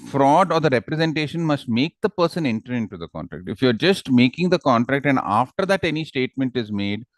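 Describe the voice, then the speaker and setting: Speaking briskly with big pitch swings around a medium register, this South Indian-accented instructor runs an online class casually. He uses examples and frequently tacks questioning tags onto his phrases. His headset mic captures him with no room sound at all.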